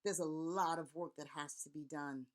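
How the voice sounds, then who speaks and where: Deep and steady, at normal speed, the voice belongs to a middle-aged woman from Haiti who is a Vodou priest and elder. Speaking to camera with passion, she makes an earnest, rallying appeal built on repetition and long lists.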